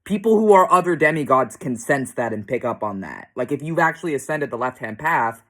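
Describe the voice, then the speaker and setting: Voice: medium pitch, expressive, fairly quick, fairly bright tone. A blunt, foul-mouthed vlogger rants straight to camera in an exasperated, casual way. The delivery is peppered with short laughs. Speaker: self-described demonologist vlogger.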